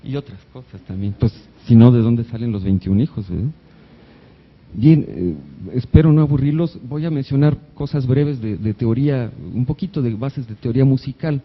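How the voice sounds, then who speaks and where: A man's voice: medium pitch, moderate pace, slightly rough, muffled recording. Man lecturing on music, sings notes. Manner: conversational, jokey, sings short note examples. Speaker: doctor giving a talk on music theory. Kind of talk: live lecture to an audience. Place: hospital event hall.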